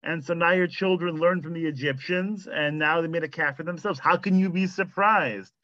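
A rabbi in his thirties leads a Torah study in an easy, meandering way, circling back with plenty of "you know." His voice is high-set and bright. It is recorded close and dry, with slightly dull, lo-fi sound. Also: normal speed, no room sound. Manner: conversational, lots of "you know" and restarts. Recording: slightly muffled lo-fi audio.

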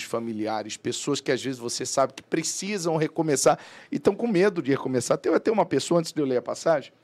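Male podcast host, relaxed conversational delivery. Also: mid-range voice. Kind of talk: casual podcast chat.

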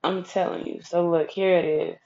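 A woman's voice: lowish voice, flat delivery, normal speed, mellow. A woman giving blunt, sassy, profanity-heavy advice in a casual vlog rant. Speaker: advice vlogger. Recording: dull lo-fi recording.

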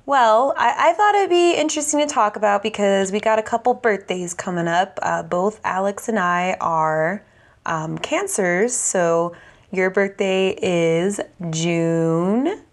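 A woman's voice: medium pitch, measured pace. A woman in her late twenties co-hosting a podcast, chatting casually and leading the questions. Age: 20s. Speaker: podcast co-host. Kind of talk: casual chat.

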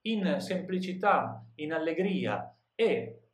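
A man's voice: fairly high pitch, lively intonation, slow pace, echoey room. A man teaching literature, reading an old tale aloud and then retelling each passage in everyday words, often adding a questioning "no?". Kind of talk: reading and paraphrasing a classic tale for a lesson.

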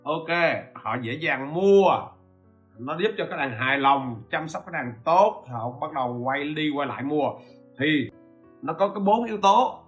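A man's voice: on the high side, lively intonation, a little slow, lo-fi sound, soft background music. A man hosts a podcast lesson, explaining step by step and often stopping to ask listeners if they follow. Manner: asks rhetorical questions and checks in with listeners. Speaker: podcast host teaching e-commerce. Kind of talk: informal spoken lecture.

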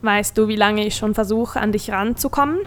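A woman's voice: medium pitch, fairly quick, a little hiss or hum, close to an everyday voice. A woman voicing a brutish, bullying male goat demon who talks in a sneering, threatening way. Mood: leering.

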